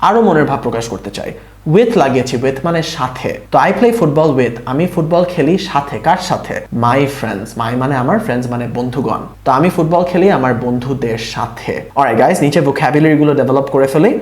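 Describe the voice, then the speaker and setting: Male language teacher, animated delivery, recorded in an echoey room, poses questions and answers them. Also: medium pitch, fairly quick. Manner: explains step by step, asks questions and answers them. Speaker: English teacher. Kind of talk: spoken language lesson.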